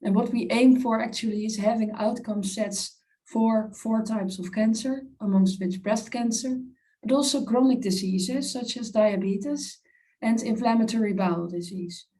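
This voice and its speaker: A woman's voice: a little high, moderate pace, dark tone, rough recording. A woman surgeon speaking as a panelist, explaining a research project with slightly non-native phrasing. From Netherlands. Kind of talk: presenting at a panel webinar.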